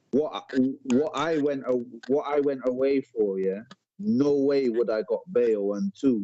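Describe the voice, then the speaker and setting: A man's voice: medium pitch, warm tone. A man telling a story in street slang on a live-stream debate, repeating words as he goes. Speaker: panel guest. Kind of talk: casual debate chat. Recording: dull lo-fi live stream audio.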